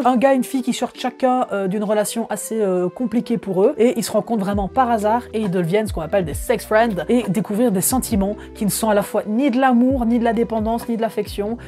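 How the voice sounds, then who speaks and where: Enthusiastic young man, mellow voice. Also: sits high. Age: 20s. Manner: enthusiastic, frequent hesitations. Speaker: manga collector vlogger. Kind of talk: casual haul video. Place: room at home among his collection.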